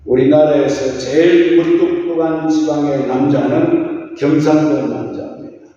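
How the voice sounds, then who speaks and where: A middle-aged male pastor delivers a sermon in a folksy, sing-song cadence, tossing rhetorical questions to the pews. His voice sits slightly high yet sounds mellow and dark. It carries through a big, reverberant church hall from a mic some distance away, with a dull, muffled tone. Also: steady tone, a little slow. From Gyeongsang region, Korea. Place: church sanctuary.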